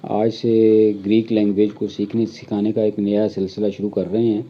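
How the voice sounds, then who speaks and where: A man's voice: fairly low pitch, monotone, lo-fi sound, music in the background. A man teaching a language lesson from slides, explaining patiently step by step with examples.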